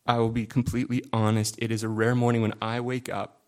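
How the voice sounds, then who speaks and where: A man preaching a sermon in an earnest, confessional way, building from quiet reflection to impassioned emphasis. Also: mid-range voice, level tone, a little fast.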